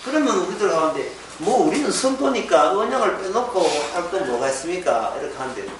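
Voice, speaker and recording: Animated, joking pastor lecturing. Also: male voice, sits high, brisk. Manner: animated, joking, repeats key words. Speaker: pastor giving a Bible lecture. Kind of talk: church Bible lecture. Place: church lecture room. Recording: echoey hall, mic far off, faint background noise.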